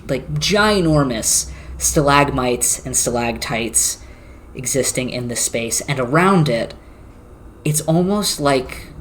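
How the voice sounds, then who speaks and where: Tabletop game master, unhurried descriptive narration, middle pitch, faint background hiss. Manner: slow descriptive narration with filler words.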